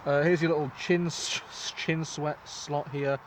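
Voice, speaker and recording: A man's voice: fairly high pitch, fairly even intonation, unhurried. Casual man reviewing, faint background noise. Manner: informal, sweary. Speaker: host reviewing gas masks.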